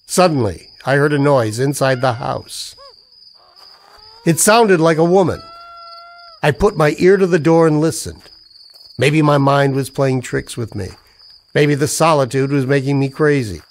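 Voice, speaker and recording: A man voices a broke, suspicious army-veteran husband recounting his noir misadventure in an old-time radio drama, using a sardonic, colloquial style that feels wry and uneasy. He speaks at medium pitch and a measured pace, close to an everyday voice, leaving long pauses.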